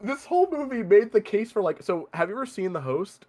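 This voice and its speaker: A man hosting a podcast, chatting casually about a movie, animated, swearing freely and laughing often. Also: sits high, brisk. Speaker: podcast host. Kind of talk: casual movie review chat.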